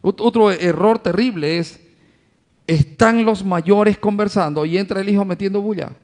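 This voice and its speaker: A man's voice: high voice, normal speed, darkish tone. A male pastor preaching a sermon to his congregation, addressing them as brothers, asking rhetorical questions and acting out everyday family scenes.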